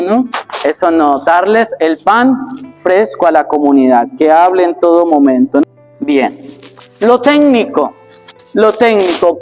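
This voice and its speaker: A priest, teaching a workshop for church readers and often checking in with rhetorical questions. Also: male voice, a little high, darkish tone. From Colombia. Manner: explanatory, asks the audience rhetorical questions.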